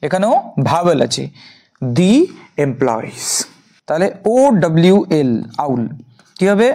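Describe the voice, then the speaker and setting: A woman's voice: fairly low pitch, expressive, normal speed, warm tone. A woman teaching an English grammar lesson, asking questions and answering them herself as she drills her learners. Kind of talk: classroom lesson.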